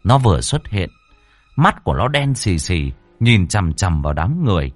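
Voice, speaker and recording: A man's voice: low voice, big pitch swings, normal speed, no echo, soft background music. A man reading a ghost story aloud with a dramatic, swooping delivery.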